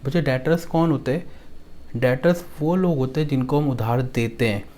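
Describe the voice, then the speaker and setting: Delhi hindi-accent guy teaching accounts, repeats stuff slowly, keeps asking "clear?", mid pitch. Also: warm tone. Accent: Hindi-speaking Delhi. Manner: repeats key lines slowly and asks "clear?" often; makes up a rhyme for students to recite. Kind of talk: classroom lecture to students.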